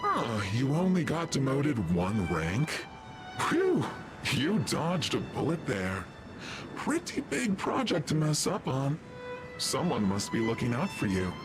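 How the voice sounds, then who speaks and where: A man's voice: medium pitch, wildly swooping pitch, slow pace. An actor playing a smug young man who talks through a voice changer in a game cutscene, teasing and mocking, with game music behind. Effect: voice changer disguising the voice. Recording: studio voice over game music.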